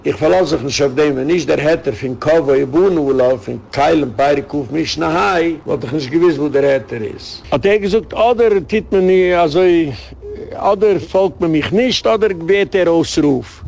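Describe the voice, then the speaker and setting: Gravelly middle-aged rabbi telling stories. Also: male voice, a little high, moderate pace. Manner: animated retelling of phone calls and arguments, slipping into English and Yiddish words. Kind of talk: storytelling lecture.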